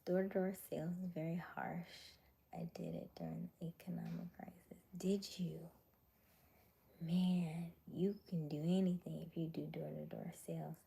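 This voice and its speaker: A livestream host, a young adult woman, casually reads viewer comments into a simple home mic in a low, mellow voice with noticeable gravelly fry. Relaxed and talkative at a moderate pace, she laughs often and slips into soft whispers between louder remarks.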